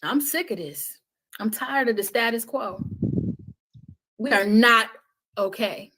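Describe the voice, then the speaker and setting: A woman's voice: fairly high pitch, takes it slowly, bright, forceful tone, slight background noise. Impassioned woman with a preaching cadence. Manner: emphatic, preaching cadence, repeats phrases for weight. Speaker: podcast guest. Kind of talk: impassioned conversational testimony.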